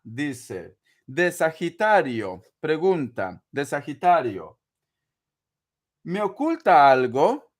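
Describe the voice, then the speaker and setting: A man in his forties, a tarot reader on a live stream, reading out viewer donations in a theatrical, gushing way and calling them sweetheart. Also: fairly high pitch. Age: 40s.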